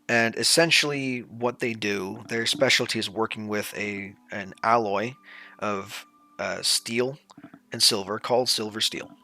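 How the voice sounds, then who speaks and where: Gravelly man running a tabletop game. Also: fairly low pitch, pushed and bright. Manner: casual, sweary, halting descriptions. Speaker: game master. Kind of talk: casual tabletop game narration.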